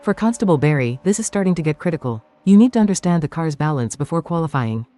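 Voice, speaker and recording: A man's voice: fairly high pitch, animated, fast, warm tone, lightly acted. A man voicing a co-commentator analyst in a racing game, explaining the drivers' situation. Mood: explanatory. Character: male racing pundit, calm and explanatory. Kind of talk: scripted race analysis. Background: game music.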